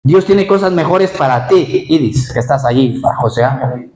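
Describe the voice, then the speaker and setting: A male pastor preaching a lively sermon, asking his congregation questions directly. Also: medium pitch, moderate pace, a little hiss or hum. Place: church hall; Spain. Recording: echoey church hall.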